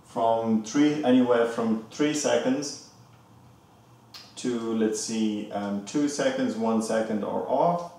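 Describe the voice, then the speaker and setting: A man's voice: lowish voice, a little mellow, recorded from a distance. Casting: male tech reviewer, easygoing step-by-step explainer, heavy echo like a big hall, mic set back from him. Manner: explains step by step, loose and chatty, with fillers. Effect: heavy room echo, like a big hall. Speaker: gadget reviewer. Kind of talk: casual product walkthrough. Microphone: camcorder microphone at a distance.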